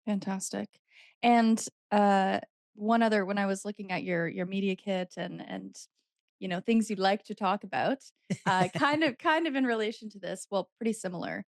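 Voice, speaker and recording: Gravelly-voiced woman podcast host. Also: medium pitch, moderate pace, dry recording, studio quality. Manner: conversational, asks questions. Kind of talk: casual interview.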